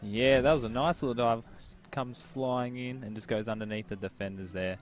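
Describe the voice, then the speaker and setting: An Australian man with a nasal voice gives colour commentary on a junior match from an outdoor ground. His pitch is middle-range and his talk is easygoing. He chats loosely alongside the main caller. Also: normal speed. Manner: relaxed, chatty, laughs easily. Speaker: color commentator. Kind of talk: live sports commentary.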